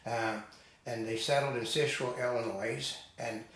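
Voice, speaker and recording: A man's voice: mid-range voice, fairly even intonation, moderate pace, fairly bright tone. An older man co-hosting a casual discussion, telling digressive stories and stating firm opinions. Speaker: co-host. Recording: echoey room with faint noise.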